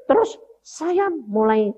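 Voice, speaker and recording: A man's voice: very high voice, very animated, takes it slowly, dark tone. A man preaching a sermon, telling a personal story and addressing the congregation directly. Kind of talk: sermon testimony. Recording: dull lo-fi sermon audio.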